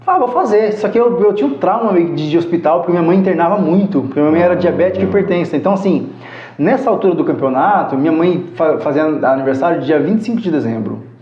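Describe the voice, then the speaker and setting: A talkative man in his thirties, a podcast guest, tells casual stories from his life in a fairly high voice with lively intonation and a quick pace. He laughs often and acts out what people said, and the sound is echoey and a bit dull.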